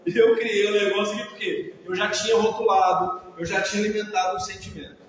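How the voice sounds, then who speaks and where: A man's voice: sits high, level tone, fast. Brazilian man lecturing in an echoey hall. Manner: didactic, checks in with frequent tag questions. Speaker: mental health professional. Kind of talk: lecture to an audience. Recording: echoey hall, distant mic.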